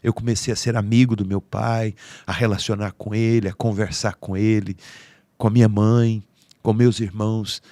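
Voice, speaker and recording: A man's voice: on the low side, flat delivery, moderate pace, mellow, dry recording. Brazilian man telling a heartfelt story. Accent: Brazilian Portuguese. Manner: heartfelt, acts out quoted family voices. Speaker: podcast speaker. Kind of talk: emotional personal storytelling.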